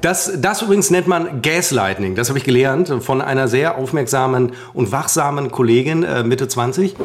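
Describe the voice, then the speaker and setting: A man's voice: mid-range voice, lively intonation, normal speed. A man co-hosting a podcast in casual banter, teasing his partner with mock outrage and repeating phrases for effect. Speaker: podcast co-host.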